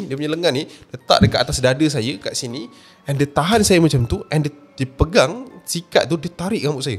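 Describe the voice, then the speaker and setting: A man's voice: a little high, breathy edge. A man with a Malaysian Malay accent, retelling a horror story in the first person, casual and speaking straight to the listener. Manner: casual, addresses the listener directly.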